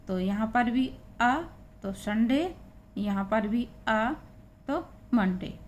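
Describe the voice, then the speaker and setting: Woman teacher, talks real slow, spells stuff out, faint hum behind. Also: mid-range voice. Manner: spells out letters and repeats words slowly. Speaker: English teacher. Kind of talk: slow, patient spoken lesson.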